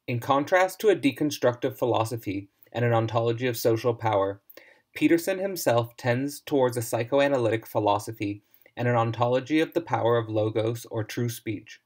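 A man's voice: mid-range voice, animated, brisk. Man reading a formal lecture. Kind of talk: scripted lecture narration.

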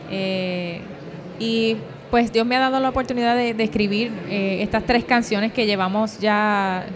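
A young woman from Puerto Rico, speaking in a mid-range voice with a Puerto Rican accent, gives an earnest and hesitant personal testimony during an interview on a handheld microphone. She's at a convention booth, and crowd chatter from the event makes the background noisy.

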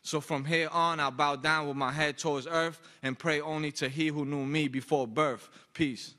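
On the stage of a large indoor auditorium, a young adult poet from Boston, United States, speaks into a microphone on a stand. His delivery is emphatic and rhythmic, his voice bright, forceful and a touch high, with fairly even intonation at a moderate pace, echoing in long reverb.

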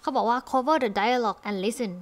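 A woman's voice: fairly high pitch, slow. A young Thai woman teaching an English lesson online. She explains each word step by step and often repeats it.

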